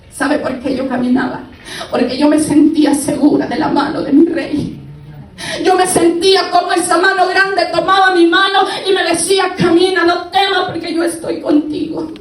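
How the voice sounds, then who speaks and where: A woman giving an emotional religious testimony to a congregation, her voice climbing high and tearful as she recounts her cries. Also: echoey room, distant mic, a little hiss or hum, low-quality recording. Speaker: testimony speaker.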